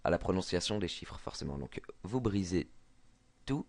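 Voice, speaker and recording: A man's voice: low voice, animated, normal speed, a little mellow, dry recording. A man with a Belgian French accent explaining a game trick over a screen recording, hesitant with many fillers and restarts. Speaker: gaming tutorial maker.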